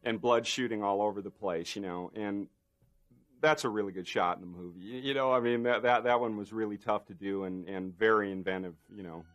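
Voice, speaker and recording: A special effects artist telling a behind-the-scenes anecdote in a documentary interview, rambling with many fillers and restarts. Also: male voice, lowish voice, fairly quick, fairly bright tone.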